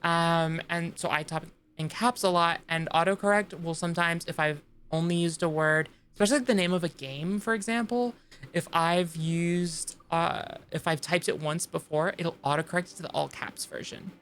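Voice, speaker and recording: A woman streaming a video game chats loosely with her viewers, her voice sitting a bit low. She rambles, restarts her sentences and fills gaps with lots of "um" and "like". A faint hiss sits under the recording. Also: steady tone, moderate pace, fairly bright tone. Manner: chatty and rambling, with many fillers and restarts; talks straight to her live chat. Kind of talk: casual chat while playing a video game.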